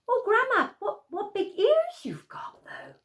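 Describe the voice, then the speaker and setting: A woman's voice: extremely high pitch, wildly swooping pitch, unhurried, fairly bright tone, voice pushed up, heavily acted. A woman voicing a plucky, wide-eyed little girl in a bedtime fairy tale. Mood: puzzled, amazed.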